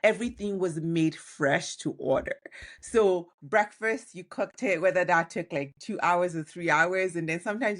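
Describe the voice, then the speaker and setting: A middle-aged woman from Nigeria, a food blogger chatting casually as a podcast guest, with lots of "like" and "you know" fillers. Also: lowish voice. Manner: conversational, many "like" and "you know" fillers, warm laughs. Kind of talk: casual interview chat.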